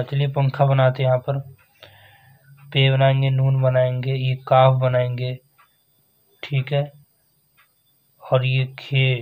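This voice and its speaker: A man teaching a children's Urdu writing lesson, naming each letter slowly and repeating it as he writes. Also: medium pitch. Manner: slow, repeats letter names and "theek hai" while writing. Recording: dull lo-fi sound.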